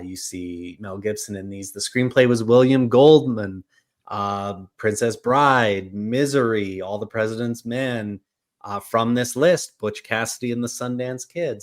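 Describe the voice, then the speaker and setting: A man hosting a casual film podcast, rambling through credits and filming places with many fillers. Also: fairly low pitch. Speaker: podcast host.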